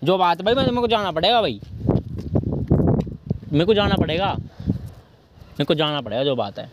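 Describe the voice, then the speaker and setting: A man's voice: high-pitched, animated, normal speed, very noisy. A man in a casual argument with his girlfriend, coaxing and pleading over and over, yet stubborn. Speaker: boyfriend pulling a prank.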